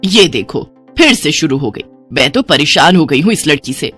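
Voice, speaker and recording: Middle-aged mother, played by a woman, cartoon story, nagging, exasperated, lively intonation. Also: deep voice, moderate pace, slightly rough, faint music behind, exaggerated voice. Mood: exasperated, scolding. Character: middle-aged scolding mother, quick-tempered.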